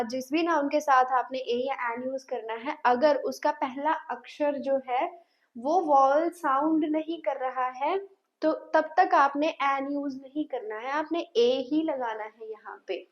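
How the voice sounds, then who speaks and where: A woman teaching an English grammar lesson, asking her class questions and repeating sounds patiently. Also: sits high. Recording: dull lo-fi sound.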